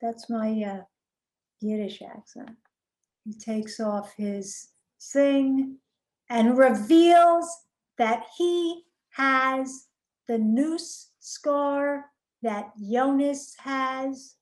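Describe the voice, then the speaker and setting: A woman's voice: high voice, drawn-out words, darkish tone. A woman co-hosting a casual watch-along show, narrating what happens on screen with dry jokes. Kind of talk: casual reaction chat while watching a TV episode.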